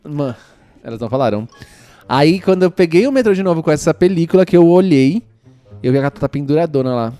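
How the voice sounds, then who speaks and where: A man with a Brazilian accent in casual chat, telling embarrassing stories in an animated way. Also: fairly high pitch, fast talker, soft background music. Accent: Brazilian Portuguese. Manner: animated storyteller, calls his listener "menina".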